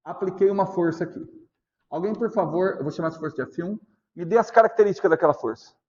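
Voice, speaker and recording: A Brazilian male physics teacher giving a class lecture, often stopping to ask whether students are following and repeating key points slowly. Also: sits high, a little mellow, highs cut off. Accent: Brazilian Portuguese. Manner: asks constant check questions, repeats points slowly.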